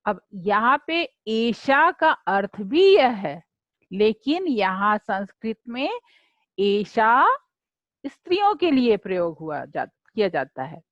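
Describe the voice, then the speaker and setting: Woman teacher going real slow, lively pitch, kinda dull dry recording. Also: dry recording. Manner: slow and deliberate, repeats words for students to say along. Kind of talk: slow classroom explanation.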